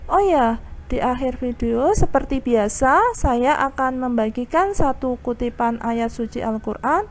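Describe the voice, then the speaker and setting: A young woman giving a calm, clear online lesson on poetry as a teacher. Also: sits high.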